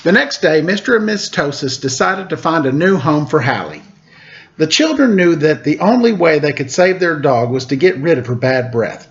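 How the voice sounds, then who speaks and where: Reading a picture book aloud at story time, this man sounds animated, his voice on the high side. He keeps it playful and leisurely, pausing for asides about the pictures, though the recording is muffled.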